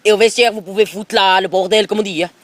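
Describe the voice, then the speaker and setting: A man's voice: high voice, fairly even intonation, fast talker, lightly acted. A man playing a pushy, rambling middle-aged football coach with an Alsatian accent in a prank phone call. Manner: pushy, rambling, repeats filler tags. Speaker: prank caller. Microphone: phone held close to mouth.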